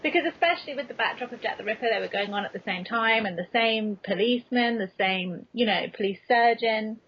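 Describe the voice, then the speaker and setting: Speaking fairly quickly in a fairly high, slightly rough voice, a woman appears as a podcast guest. Her talk is casual and candid, full of self-deprecating comic anecdotes, and the recording is muffled, dull and lo-fi.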